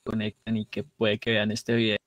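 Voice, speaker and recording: A man's voice: on the low side, monotone, moderate pace, a bit bright, dry recording. A man, a teacher and political scientist joining a panel by video call, his audio choppy and breaking up as he checks whether he can be heard. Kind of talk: online panel talk. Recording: muffled, lo-fi call line.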